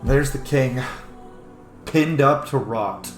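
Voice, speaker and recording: Soft music plays in the background as the game streamer talks slowly in a mid-range voice, rambling casually with strong opinions and lots of swearing. There's a roomy echo and faint noise.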